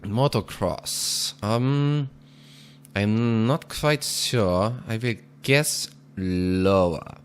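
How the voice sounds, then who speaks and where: With a smooth, lowish voice, a man narrates gameplay for his gaming video in a relaxed way. The foreign accent he uses is fake and overdone, and he speaks deliberately, chuckling from time to time.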